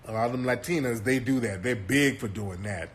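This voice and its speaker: A man's voice: mid-range voice, a little fast, a little hiss or hum. A man hosting a casual commentary talk in a brash, mocking and profane way. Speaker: host.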